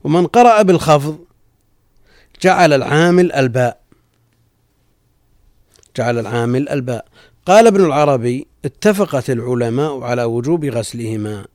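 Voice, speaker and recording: Male sheikh giving a lesson, measured reading, mid-range voice, dry sound. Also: mid-range voice, lively intonation, a little mellow, no echo. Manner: measured, repeats lines for emphasis. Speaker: sheikh teaching a text. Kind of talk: reading and explaining classical jurisprudence.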